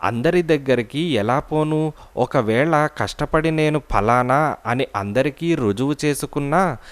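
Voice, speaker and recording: A man reading the lines of a quick-tempered middle-aged father in a storybook tale, scolding and indignant. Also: medium pitch, natural voice. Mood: worried.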